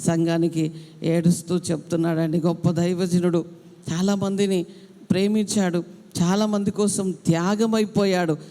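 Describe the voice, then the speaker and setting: A woman's voice: on the low side, little pitch movement, moderate pace, warm tone. Impassioned woman preacher in an echoey hall. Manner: impassioned, repeats phrases for emphasis. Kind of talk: sermon.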